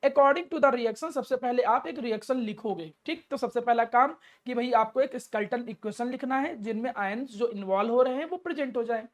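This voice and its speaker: Speaking briskly with barely any pauses, a woman with a fairly high voice teaches chemistry one step at a time. She fires off her own questions, answers them, and speaks fondly to the student in this classroom lecture.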